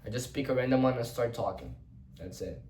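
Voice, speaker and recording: A young vlogger whose first language is Portuguese speaks briskly at medium pitch with a darkish tone. He muses in English without a script, rambling, restarting often, and swearing casually. He's recorded from a distance in an echoey room with a little hiss or hum.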